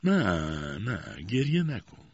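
A man's voice: lowish voice, very animated, slightly rough, no room sound, pitched above the performer's own voice, exaggerated voice. A man voicing a stern, harsh older spinster aunt who speaks coldly and mockingly, in a dull, dry lo-fi recording.

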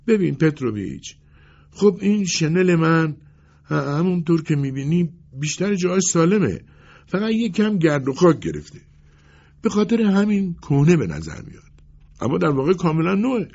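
A man's voice: a little high, big pitch swings, creaky, darkish tone, voice pushed up, full character voice. A man voicing a timid, poor male clerk in an audiobook, speaking in a hesitant, pleading way. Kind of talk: audiobook character voice. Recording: dull lo-fi recording.

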